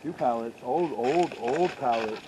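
A man's voice: medium pitch, unhurried. A man chatting casually while exploring old railroad tracks outdoors at night, musing aloud with curiosity. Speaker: urban explorer. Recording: loud outdoor noise, camera mic.

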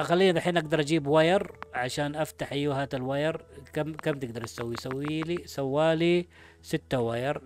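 Quick, chatty gamer. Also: male voice, fairly high pitch. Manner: chatty, talks to himself while playing. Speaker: gaming YouTuber. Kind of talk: casual let's-play commentary.

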